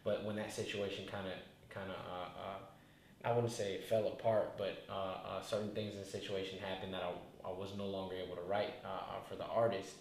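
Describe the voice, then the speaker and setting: Speaking briskly with vocal fry, this young man has a low, flat, slightly mellow voice. He's a rapper in his 20s, casually reflecting on his story as an interview guest, rambling and restarting often. Faint noise and heavy echo fill the room.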